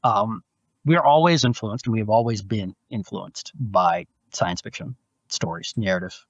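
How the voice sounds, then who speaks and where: A man who is a philosophy professor, answering interview questions in a measured, explanatory way over a video call. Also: lowish voice, dry recording. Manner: measured, explanatory, with frequent restarts. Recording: dull, lo-fi, dry video call audio.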